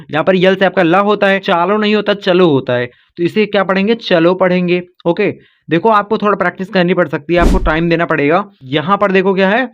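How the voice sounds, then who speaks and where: A man's voice: high-pitched, fairly bright tone. A man teaching a patient, repetitive phonics lesson and calling his viewers children. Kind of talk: classroom-style phonics lesson. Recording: dull lo-fi sound.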